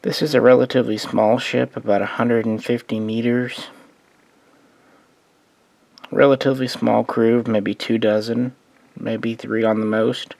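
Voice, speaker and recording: A man giving a relaxed, meandering spoken overview of his collection of model starships, thinking aloud as he goes. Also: mid-range voice, a little slow, vocal fry, long pauses, no echo. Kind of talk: casual hobby overview.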